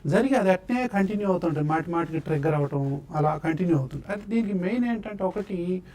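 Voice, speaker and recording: A man's voice: sits high, expressive, fast talker, mellow, slight background noise. A man speaking as a doctor on a TV health show, patiently explaining causes and treatments one after another. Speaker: doctor answering health questions.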